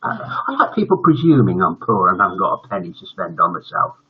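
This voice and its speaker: His deep voice swoops wildly in pitch, comes fairly quick, and has a breathy edge. He's a British man in his seventies running a bedtime story stream of tales and casual chat, heard through dull lo-fi livestream audio.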